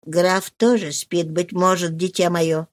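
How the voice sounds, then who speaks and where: A woman voicing an old female servant, speaking low, soft and slow in a soothing way. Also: flat delivery, no room sound, lightly acted. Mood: consoling.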